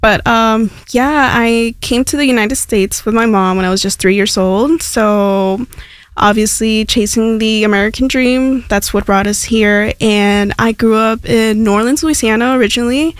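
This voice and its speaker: A young woman from Mexico, a native Spanish speaker, talking as a guest on a radio show. She rambles casually and fills her talk with "like" and "um". Her voice sits fairly high and sounds dry and close on a studio mic. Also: normal speed, smooth, dry recording. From Hidalgo, Mexico. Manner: chatty, rambling, many fillers like "like" and "um". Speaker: radio station intern, guest.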